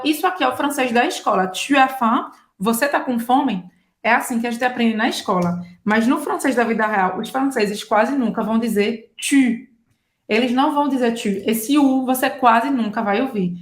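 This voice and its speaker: A woman's voice: on the high side, reverberant. A Brazilian woman with a Brazilian Portuguese accent, teaching French in a casual online lesson and explaining patiently, checking in with her listeners as she goes. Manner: explains patiently, checks in with "tá?", acts out little dialogues.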